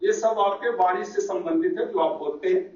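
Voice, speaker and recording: A man lecturing trainee teachers, explaining points and slowly repeating key English phrases. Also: high voice, darkish tone. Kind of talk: classroom lecture. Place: classroom. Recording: echoey, distant, dull classroom recording.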